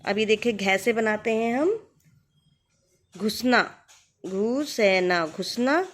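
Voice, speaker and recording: A woman teaching a writing lesson, who speaks to the viewer patiently and stretches the example words out slowly. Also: on the high side, expressive. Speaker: Hindi teacher. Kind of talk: explaining a Hindi writing lesson.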